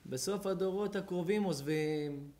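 A male rabbi giving an impassioned sermon, moving from quiet, low murmurs to high, shouted outbursts, with many repetitions and dramatic pauses. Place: home event hall at a bar mitzvah.

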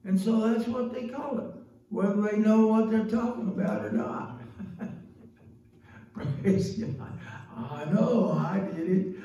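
An older man delivers a slow, folksy sermon into a handheld mic in a small church. His voice sits high yet mellow. The sound is very echoey and a bit distant, as if caught from across the sanctuary. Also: animated, muffled recording. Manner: folksy, chatty preaching with frequent "praise God" and laughs. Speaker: preacher. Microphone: handheld microphone.

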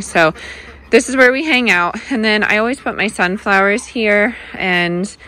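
A young American woman, a family vlogger, chats casually and upbeat to a phone held at arm's length, sprinkling in filler words. Her voice sits on the low side with a slightly bright quality. She starts in an indoor room and then heads out to a snowy backyard.

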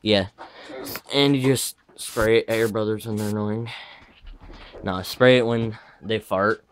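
Unhurried and fairly even in intonation, this lowish-voiced teenage boy shows off his bedroom gaming setup on a handheld camera, lisping slightly because of his retainer. A little hiss or hum sits under his offhand, wandering narration, which he keeps correcting in asides.

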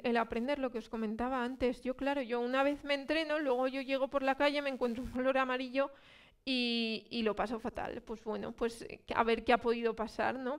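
A woman's voice: fairly high pitch, smooth. A woman from Spain giving a public talk about her own experience, conversational, with many fillers and rhetorical questions. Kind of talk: public lecture. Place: cultural centre hall.

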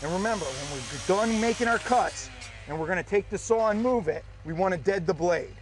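A man's voice: sits high, expressive, brisk, slight background noise. A man instructing firefighters, explaining a forcible entry technique step by step outdoors at a training prop. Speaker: fire service instructor. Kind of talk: instructional demonstration.

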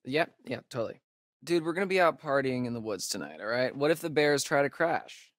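Voicing a sarcastic young American man for naturalistic video game dialogue, this actor uses a mid-range, slightly bright, natural voice. His delivery is animated, joking, and casual, marked by halting asides. The recording is dry and echo-free.

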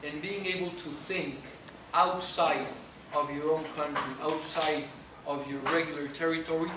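Captured by a distant camera in a noisy, echoey lecture room, a guest speaker from Mexico addresses students earnestly, gesturing while he talks. He is in his forties, a native Spanish speaker with a Mexican accent. His slightly high voice keeps a fairly even intonation at a moderate pace.

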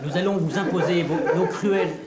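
A man's voice: high-pitched, steady tone, fairly quick, over a noisy crowd, lightly acted. An actor playing a henchman who laughs through his threatening demands in a comedy sketch. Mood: giggling. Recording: echoey room, noisy tape.

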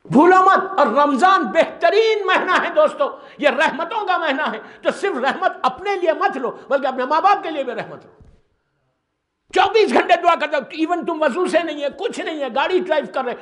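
High-voiced impassioned male preacher. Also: expressive, a bit bright. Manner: impassioned, mixing in English words. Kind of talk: religious sermon to a gathering. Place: religious gathering hall. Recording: echoey hall sound.

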